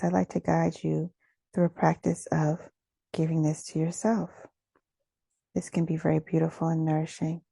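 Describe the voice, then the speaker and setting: With a low, breathy, soft voice, a woman calmly leads a guided meditation, unhurried and gentle, with pauses between her phrases. The audio has no echo.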